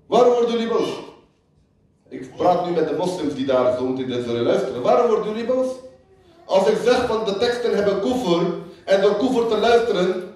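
A man's voice: high-pitched, a little mellow. A man giving a sermon as a religious lecturer, who repeats lines for emphasis and half-sings quoted lyrics. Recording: echoey hall, voice picked up from far off.

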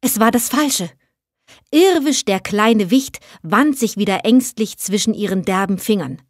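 A woman, an audiobook reader, narrating a fairy tale in a measured, expressive reading. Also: medium pitch, dry recording, studio quality. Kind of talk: storybook narration.

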